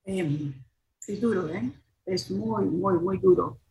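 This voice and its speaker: A woman's voice: medium pitch, slow pace, warm tone, rough recording. A middle-aged woman journalist telling a personal story in an interview, hesitant, with many fillers and restarts.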